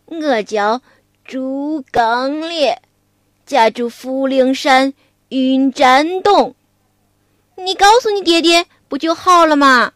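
A woman's voice: high voice, fairly bright tone, no echo, clean studio sound. A woman doing Zhu Bajie, the leering pig demon. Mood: blustering. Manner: slow, leering drawl with chuckles. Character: ugly greedy pig demon man, coarse.

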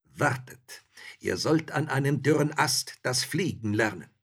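A fairy-tale robber chief, played by a man, barking threats in a raised, husky voice. His lines leap about with lively force, always menacing. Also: mid-range voice, a little slow, pitched above the performer's own voice, exaggerated voice. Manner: menacing and shouting.

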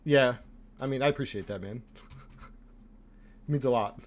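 A man's voice: medium pitch, normal speed. Chill guy in his late 20s, rambling podcast chat, laughs a lot, mid voice. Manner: laid-back, rambling, laughs often. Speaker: podcast co-host. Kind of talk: casual chat.

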